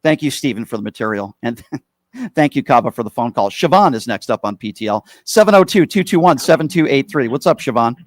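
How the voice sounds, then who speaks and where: Relaxed, chatty male radio host. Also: mid-range voice, dry recording. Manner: relaxed, chatty, quick to laugh at himself. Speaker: radio call-in show host. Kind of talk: call-in radio hosting.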